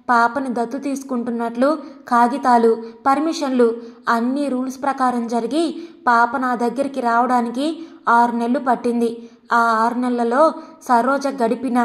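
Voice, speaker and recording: Lady reading a hurt bitter auntie in an audio story, kinda high voice. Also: natural voice. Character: middle-aged woman, bitter and wounded.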